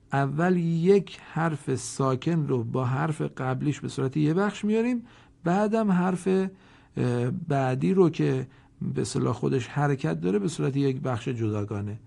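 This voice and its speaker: A man with a gravelly, dark voice delivers a formal recorded lesson. He teaches Quran reading slowly and deliberately, stretching example words and pausing so listeners can answer. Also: on the high side. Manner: slow, deliberate, pausing to let learners answer.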